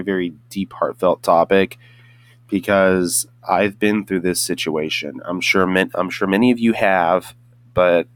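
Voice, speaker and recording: A young man with a deep voice hosts a casual solo podcast, sounding hoarse and a bit congested as if he's just woken up. He rambles, often restarting sentences and using lots of fillers.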